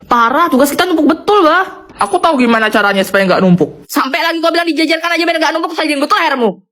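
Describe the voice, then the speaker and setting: A woman's voice: high-pitched, lively intonation, fast, fairly bright tone. A woman voicing a joking female student who teases her classmates. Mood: teasing. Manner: teasing, jokey.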